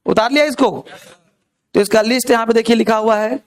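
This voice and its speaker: A man's voice: very high voice, steady tone, fairly quick, clear, resonant tone. A male English grammar teacher giving a live classroom lecture, constantly firing rhetorical questions at his students.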